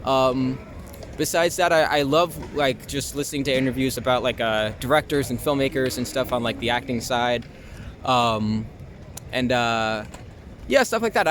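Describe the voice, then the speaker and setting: A young adult man from Long Island, New York, speaks at a moderate pace with a medium, slightly bright voice. He's an actor and filmmaker being interviewed casually on a city street, feeling his way through his answers. Traffic noise fills the outdoor recording.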